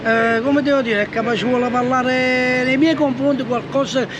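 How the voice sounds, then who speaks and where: A man's voice: very high voice, fairly even intonation, moderate pace, over a noisy crowd. A man with a Neapolitan accent rambling in dialect-tinged Italian during a casual street interview. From Naples, Italy. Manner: dialect-inflected, rambling, repetitive. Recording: noisy outdoor street with vehicles.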